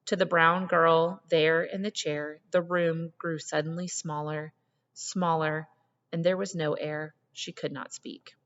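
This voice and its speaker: Lowish woman storyteller in reverberant space. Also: level tone, unhurried, fairly bright tone. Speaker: story reader. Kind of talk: expressive literary narration. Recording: muffled, long hall reverb.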